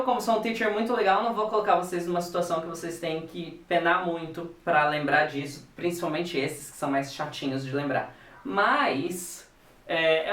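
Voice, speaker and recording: Brief: animated teacher, casual lesson from home, mic set back in a reverberant room. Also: male voice, sits high. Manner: playful, animated, spells out letters. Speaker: English teacher. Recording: echoey room, distant mic.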